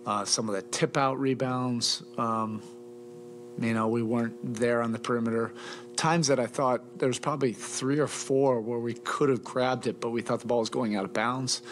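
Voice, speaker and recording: A middle-aged man, a head coach at a postgame press conference, talking in a measured, halting way with many fillers and restarts into a table mic in a press room. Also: mid-range voice, fairly even intonation, slight background noise.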